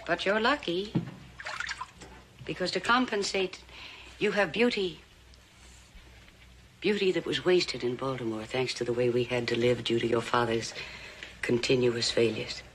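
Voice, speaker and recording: A woman's voice: rumbling low, unhurried, long pauses, slight background noise, rough recording. An actress playing a middle-aged genteel mother in a TV western, coaxing and pushy as she steers her daughter. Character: ambitious genteel mother, controlling and weary. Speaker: scheming mother. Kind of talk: 1960s TV western acting.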